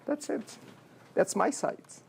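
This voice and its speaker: Speaking slowly, a Brazilian-accented programming instructor in his forties gives a casual university lecture. He is from Brazil and keeps checking in with "okay?" and rhetorical questions.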